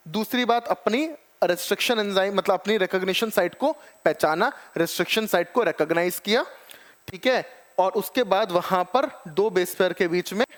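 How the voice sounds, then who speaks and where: A man teaching biology in an exam-prep lecture, explaining step by step and checking often that students follow. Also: sits high. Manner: calls students "children" and "beta ji".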